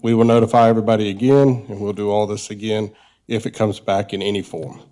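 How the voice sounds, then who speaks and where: A man with a low voice explains public hearing procedure at a council meeting. He speaks in a calm, measured, explanatory way. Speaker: county staff member.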